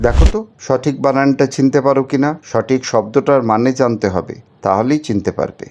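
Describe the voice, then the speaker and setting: A man's voice: medium pitch, fairly quick, noisy background. A man teaching a children's spelling lesson, patiently spelling words out letter by letter and asking the viewers questions.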